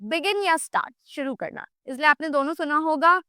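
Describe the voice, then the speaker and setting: A woman teaching English grammar, explaining in Hindi and repeating English example sentences slowly and with emphasis. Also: high voice, bright, forceful tone, no room sound, studio quality. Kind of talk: bilingual grammar lesson.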